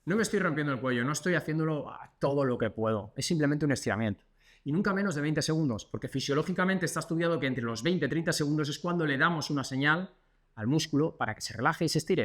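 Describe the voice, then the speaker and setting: A man with a Spanish accent from Spain, working as a physiotherapist, demonstrating exercises in a chatty, instructive way and counting the repetitions aloud. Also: on the high side.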